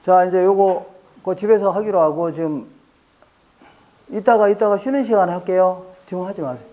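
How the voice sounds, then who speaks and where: A warm-toned man with a notably high voice teaches exam students in a classroom at a moderate pace. Each key phrase he says twice, he checks often that the class is following, and occasionally he swaps light jokes with the students.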